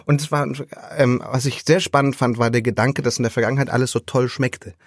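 A man's voice: mid-range voice, fairly even intonation, brisk, no room sound, studio quality. A man talking as a guest on a podcast, telling rambling, hesitant stories full of restarts. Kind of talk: casual podcast chat.

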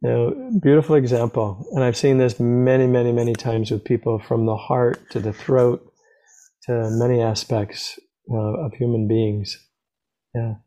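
A man talks about his work as a sound healer in an unhurried, earnest way. He tells stories and repeats words to drive his point home. His voice sits at a middling pitch with a mellow, dark warmth. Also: steady tone, rough recording. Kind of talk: storytelling interview answer.

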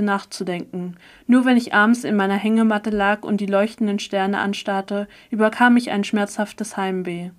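A woman reads a first-person story aloud at a middle pitch. Her delivery is steady and expressive, in the manner of an audiobook narrator.

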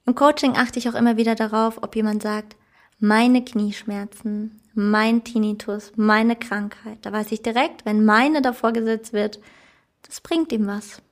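A woman speaks as a life coach in a motivational self-help monologue. Her voice sits a little high, and she talks earnestly and with emphasis. She laughs at her own slips. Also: fairly even intonation, measured pace.

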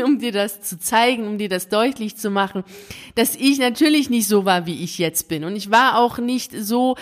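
A woman coaching teachers in an earnest motivational monologue, speaking straight to the listener. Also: fairly high pitch. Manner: earnest, addresses the listener directly with repeated phrases.

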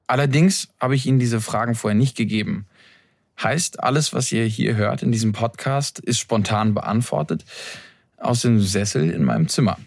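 An earnest young man speaks as a podcast host at a middle pitch, reflective and measured. The sound is close and dry. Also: gravelly, no room sound. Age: young adult. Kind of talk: reflective scripted intro monologue. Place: his room, seated in an armchair.

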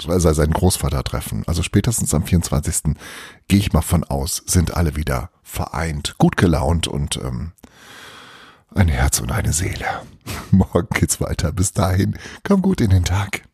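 A man's voice: low voice, normal speed, slightly rough, no echo, studio quality. A man reading a children's advent story aloud, then chatting casually about it as host. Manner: expressive, hushed at times, chatty aside.

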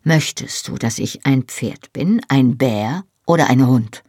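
A reader voicing a tender, teasing young Scottish husband in an audiobook, speaking softly and intimately, often in a whisper. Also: mid-range voice, slow, husky, dry recording, clean studio sound. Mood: intimate, playful. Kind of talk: audiobook reading.

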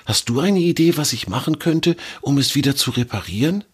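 A man's voice: medium pitch, expressive, a little fast, husky, voice pushed up. A man voicing a small, sad young male squirrel in a storybook, speaking in an anxious, pleading way. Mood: worried.

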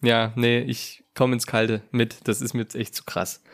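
A man's voice: mid-range voice, flat delivery, moderate pace, creaky. A man co-hosting a casual podcast from home, joking and laughing often. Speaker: podcast co-host. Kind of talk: casual chat. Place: warm room at home with a fan. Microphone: home microphone.

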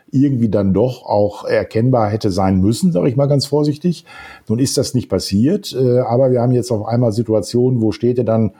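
Halting, low-voiced man with a warm tone. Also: breathy edge. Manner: hesitant, many fillers, long winding sentences. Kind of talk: casual discussion.

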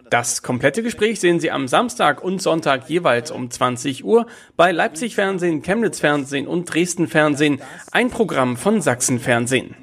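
A man's voice: a little high, vocal fry, a bit bright. A man reading a scripted news report as a voice-over.

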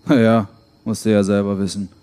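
A man's voice: fairly low pitch, level tone, brisk, warm tone, clear, resonant tone, natural voice. A man playing a blunt, coarse cellmate. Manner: blunt, matter-of-fact. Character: hungry, blunt male cellmate, coarse and practical. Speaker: prisoner.

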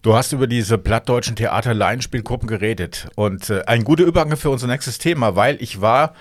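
A man's voice: mid-range voice, brisk. A man co-hosting a podcast who steers the talk in a friendly way and teases his co-host a little. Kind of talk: casual podcast chat.

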